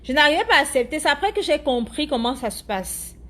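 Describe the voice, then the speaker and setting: A woman's voice: high-pitched, sing-song, fast, bright, forceful tone. A woman with an African French accent, chatting casually to her viewers, often hunting for words and repeating herself. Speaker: live streamer answering viewers' comments. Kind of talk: casual chat commentary.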